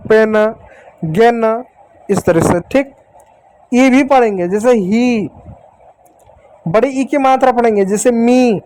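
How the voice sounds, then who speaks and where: This poor-quality clip features a man with an extremely high, somewhat mellow voice teaching kids English letter sounds in Hindi. He takes it slowly, repeats example words patiently, and stops often to ask "ठीक".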